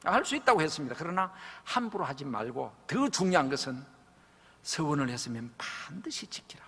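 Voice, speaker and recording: A male pastor preaching a revival sermon, telling stories dramatically and acting out the voices of the people in them, swinging from loud to hushed. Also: on the high side, very animated, brisk, husky. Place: large church sanctuary. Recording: church hall with long reverb.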